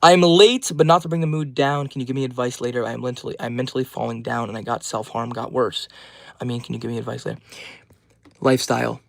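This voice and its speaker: Speaking fast with a creaky, mid-range voice and fairly even intonation, a twenty-year-old man live streams without any room sound. As a livestreamer, he reads out chat names and replies warmly and cheerfully to every message.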